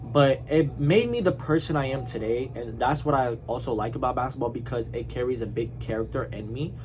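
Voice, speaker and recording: A young man from Iraq gives a casual spoken class presentation, talking informally and circling back with fillers and restarts. His voice sits at an ordinary middle pitch for a man. A faint hiss runs quietly under the recording. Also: fairly quick, poor audio. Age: young adult. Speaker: student presenting a project.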